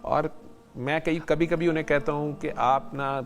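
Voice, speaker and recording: A man speaking as a spiritual healer on a podcast, giving calm advice and often repeating phrases like a sermon. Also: fairly high pitch.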